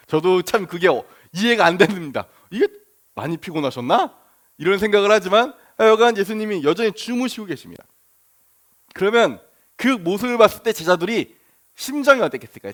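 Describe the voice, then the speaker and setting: A man, a pastor, preaching a sermon in a conversational way, asking the congregation questions and acting out the disciples' words. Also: high voice.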